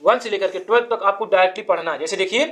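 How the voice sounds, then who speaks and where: A woman's voice: mid-range voice, racing, fairly bright tone. A woman teaching a child to count, patiently asking quiz questions and counting numbers aloud step by step.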